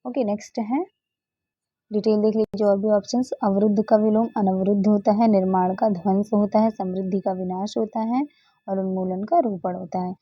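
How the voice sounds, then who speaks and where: Going question by question through an exam, a woman tutor patiently repeats key answers and shifts ahead with frequent fillers such as "ठीक है" and "okay, next है". Her medium-pitched voice is slightly rough, with fairly even intonation and a moderate pace, in a muffled recording without echo.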